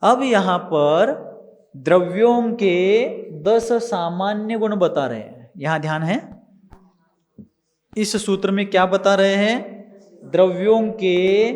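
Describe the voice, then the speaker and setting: A man with a high voice teaches a religious text at an unhurried, deliberate pace. He drills pronunciation word by word and explains each term patiently. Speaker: scripture teacher.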